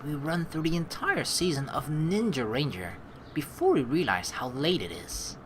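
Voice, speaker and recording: A young let's play streamer reads a visual novel out loud at a moderate pace, faint music behind her low, very animated voice. She's playful and giggly, chatting between the lines.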